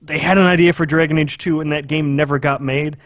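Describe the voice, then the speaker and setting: Brisk and fairly even in intonation, a man with a slightly high voice co-hosts a podcast about video games. He talks casually but bluntly, cursing and exaggerating. There's no room sound, and the highs are missing from the audio.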